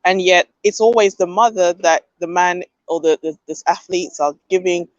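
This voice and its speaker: A woman's voice: lowish voice, normal speed, dry recording, highs cut off. A woman hosting a podcast livestream, giving emphatic opinions and reading chat comments aloud. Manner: opinionated, emphatic, often adds "okay?". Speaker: podcast host.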